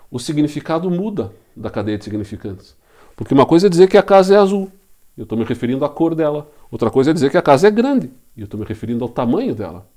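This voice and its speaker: A man's voice: a little high, mellow. A man with a Brazilian Portuguese accent giving a recorded lecture, teaching step by step with rhetorical questions and repeated key terms. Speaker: law lecturer.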